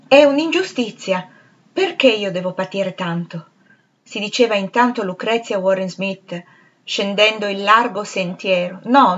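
A woman narrating a literary novel as an audiobook reader, with a measured, expressive delivery. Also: medium pitch, dull audio.

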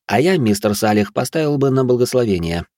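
A man's voice: medium pitch, expressive, brisk, darkish tone, no room sound, studio quality, pitched above the performer's own voice, lightly acted. A man voicing a stubborn young aristocratic ex-soldier who argues in a raised, indignant tone. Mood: argumentative.

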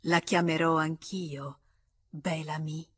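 A woman reading an audiobook aloud, voicing a playful, affectionate young married woman who speaks in a soft, murmuring, coaxing way, with an Italian accent. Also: low voice, flat delivery, slow, breathy edge, no room sound, heavily acted.

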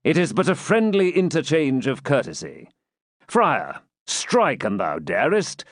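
A man's voice: medium pitch, sing-song, measured pace, no echo, studio quality. A man doing a cool, teasing knight. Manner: composed, mildly mocking. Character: calm, teasing armored male knight.

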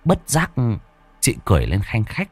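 A man's voice: mid-range voice, wildly swooping pitch, normal speed. A man narrating a ghost story in a dramatic storytelling delivery.

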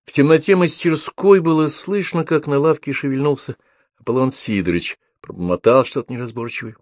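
A man narrating a novel as an audiobook in a steady storytelling manner. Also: mid-range voice, fairly quick, dry recording, studio quality.

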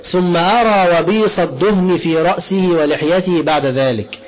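A man's voice: high-pitched, moderate pace. A man with an Egyptian Arabic accent giving a colloquial religious lesson, often asking the audience a question and answering it himself. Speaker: preacher. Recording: dull lo-fi lecture recording.

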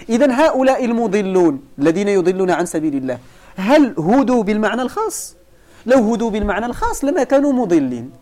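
Lively, quick Moroccan male teacher. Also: high-pitched. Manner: explains grammar step by step, asks students questions. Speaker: teacher explaining a book. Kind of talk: lesson commentary.

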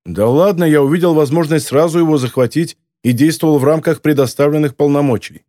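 A man's voice: fairly high pitch, a little fast, warm tone, dry recording, clean studio sound, close to an everyday voice. A man voicing a hot-tempered former soldier in an audiobook, talking in a defiant, blustering way. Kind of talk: audiobook character voice.

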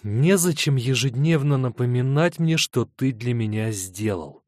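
A man voicing a weary, mocking woman, the sharp-tongued older sister in an audiobook. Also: mid-range voice, animated, a little slow, no room sound, voice pushed up, close to an everyday voice. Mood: sardonic. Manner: dry, mocking.

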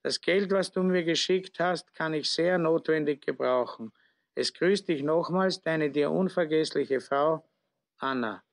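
A man voicing a naive, pleading Austrian village wife who slowly and artlessly speaks out her letter as she writes. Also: fairly high pitch, creaky.

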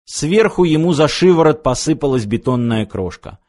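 A man's voice: on the high side, animated, normal speed, darkish tone. Man narrating an audiobook steadily. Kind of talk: scripted narration.

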